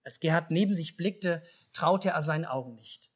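A man with a German accent telling a children's Christmas story in a church service, speaking lively and asking the children questions. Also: a little high, normal speed, breathy edge. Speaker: pastor.

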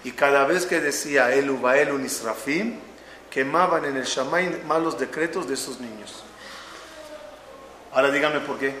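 A man with a medium-pitched, bright, forceful voice speaks at a moderate pace, with slight background noise in an echoey room. He's teaching a Torah class to a live audience, telling stories and putting questions to the listeners.

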